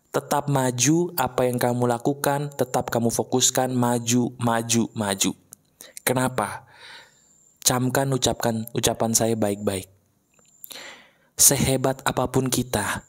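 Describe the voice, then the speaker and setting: Male motivational speaker, direct and chatty, heavy on rhetorical questions, voice-over. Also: medium pitch. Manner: addresses listeners as friends. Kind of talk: motivational talk to viewers. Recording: voice-over for an animated video.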